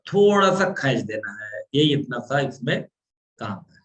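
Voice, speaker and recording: His mid-range voice is very animated, and he speaks a little slowly. He is teaching Quran recitation online, patiently breaking the rules into steps and lengthening sounds to show how they go.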